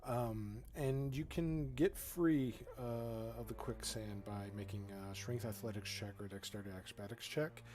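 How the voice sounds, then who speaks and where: A man narrating a tabletop game as game master, improvising haltingly with pauses mid-sentence. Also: mid-range voice, darkish tone.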